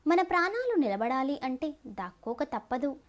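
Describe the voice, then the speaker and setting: A woman's voice: sits high, sing-song, normal speed. A woman voicing a scared, protective middle-aged mother in an audio story, urgent and insistent. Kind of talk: storybook narration.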